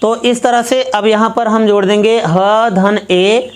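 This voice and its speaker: A woman's voice: medium pitch, steady tone, takes it slowly, smooth. A woman teaching Sanskrit grammar, walking through each step methodically and repeating herself as she works an example.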